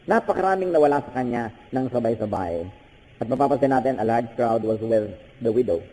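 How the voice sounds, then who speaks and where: A man's voice: brisk, a little hiss or hum. Older Filipino man preaching a sermon. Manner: animated preaching with sudden high-pitched bursts; switches between Tagalog and English. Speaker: pastor. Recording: hall with long reverb.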